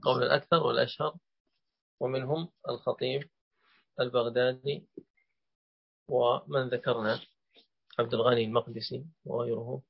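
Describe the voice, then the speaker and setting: A man's voice: mid-range voice, little pitch movement, normal speed, vocal fry, long pauses, breathy edge, no room sound. A man teaching a hadith collection, quizzing his student and then explaining each point at length. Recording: dull lo-fi recording.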